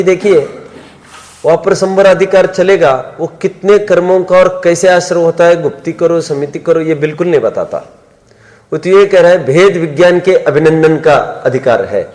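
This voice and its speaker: A man teaching a class on religious scripture, often quizzing his listeners and chanting verses slowly. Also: a little high, darkish tone, big-room sound.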